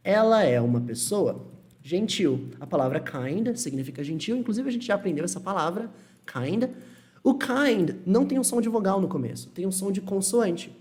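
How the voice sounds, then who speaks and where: Guy teaching english, goes up and down a lot, slows way down to model words. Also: high-pitched, lively intonation, a little mellow. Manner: explains step by step, checks in with "tudo bem?"; models English words slowly and repeats them. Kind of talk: Portuguese-language English lesson.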